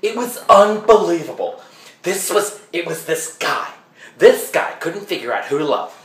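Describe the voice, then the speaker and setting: A man's voice: fairly high pitch, big pitch swings, normal speed. A man playing a flamboyant male Broadway fan who rambles and keeps getting sidetracked, peppering his talk with fillers in a comedic monologue. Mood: chatty. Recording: roomy echo.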